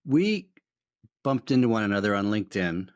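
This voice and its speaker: A man's voice: fairly low pitch, sing-song, normal speed, no echo, studio quality. A man hosting a podcast interview, upbeat and affirming as he steers the talk with questions. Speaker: podcast host.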